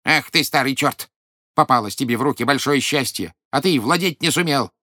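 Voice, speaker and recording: A man's voice: mid-range voice, animated, fairly quick, bright, forceful tone, no room sound, studio quality. A man voicing a greedy, domineering old peasant woman who screeches and scolds. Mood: scolding.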